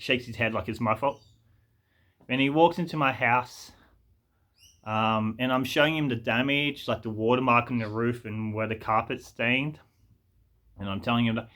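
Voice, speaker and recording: A man tells a story in a loose storytime monologue. His voice is bright and forward, and he rambles along, stumbling and restarting with plenty of fillers. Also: mid-range voice. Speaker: vlogger telling a story.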